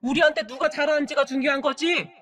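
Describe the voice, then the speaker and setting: A woman's voice: high voice, fairly even intonation, quick pace, fairly bright tone. A woman voicing an older mother-in-law who speaks curtly and scolds. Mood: scolding. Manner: curt, scolding.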